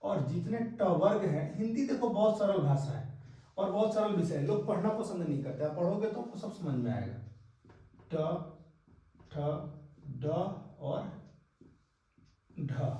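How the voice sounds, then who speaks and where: A man's voice: high voice, warm tone, far from the mic. A man teaching a step-by-step lesson, often repeating points and checking that his students follow. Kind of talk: classroom lesson. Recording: very echoey room, voice off-mic.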